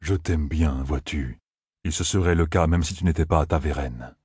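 A man doing a soft-spoken gentle giant. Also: rumbling low, moderate pace, husky, no echo, clean studio sound, exaggerated voice.

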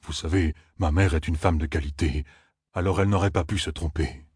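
A man voicing a gentle, timid giant creature who speaks slowly and hesitantly. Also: extremely low pitch, breathy edge, dry recording, studio quality, voice pushed down, exaggerated voice. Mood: plaintive. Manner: slow, hesitant, mumbling. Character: gentle giant male Ogier scholar, timid.

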